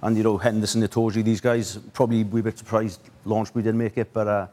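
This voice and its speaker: Brief: man from Wales, low voice, quick halting answers, faint noise behind. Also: flat delivery, warm tone. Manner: halting, many fillers. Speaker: studio guest. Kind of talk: casual interview answers.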